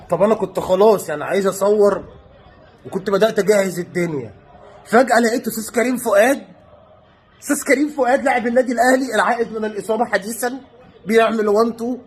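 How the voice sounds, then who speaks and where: A young Egyptian man with an Egyptian Arabic accent, reacting to a football match in a mocking, joking way and shouting at times. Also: sits high, breathy edge. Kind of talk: excited match reaction commentary.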